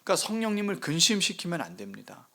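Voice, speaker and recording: A man preaching a sermon as pastor of a new church, asking the congregation rhetorical questions and swinging between loud emphasis and hushed whispers. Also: high-pitched, sing-song, quick pace, creaky.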